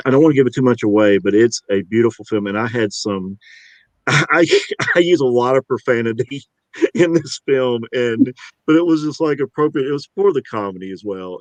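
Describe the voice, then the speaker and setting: A middle-aged actor, medium-pitched with no echo, talks as a guest in an interview. He rambles upbeat, restarting his sentences often.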